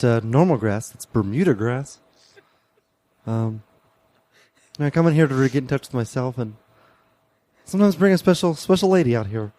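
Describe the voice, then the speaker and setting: A man's voice: medium pitch, dark tone, no echo. A man in an improvised comedy scene, talking earnestly and rambling with many restarts.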